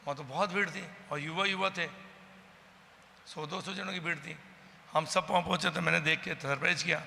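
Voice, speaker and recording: A man's voice: a little high, fairly even intonation, fairly quick, gravelly, sharp tone, big-room sound, a little hiss or hum. A man giving an agitated eyewitness account to a news camera and acting out what others said. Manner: agitated storytelling, acting out the quoted exchanges. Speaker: eyewitness from the local community.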